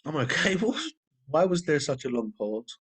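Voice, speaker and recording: A young man co-hosting a casual film review podcast, easygoing and halting, with frequent restarts. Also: on the high side, expressive, a bit bright, slightly rough. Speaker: podcast co-host.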